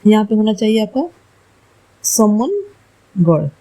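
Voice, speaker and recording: Woman, exam-prep teacher; unhurried, dark-toned delivery; works through questions, fixes slips aloud. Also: fairly high pitch, low-quality recording. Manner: slow, deliberate explaining, corrects herself aloud. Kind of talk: reading quiz answers for exam study.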